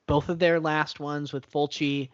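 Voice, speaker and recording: A man's voice: on the high side, level tone, a little slow. A man co-hosting a film podcast, talking things through thoughtfully with lots of fillers. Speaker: podcast co-host. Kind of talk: casual film review chat. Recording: dull lo-fi podcast audio.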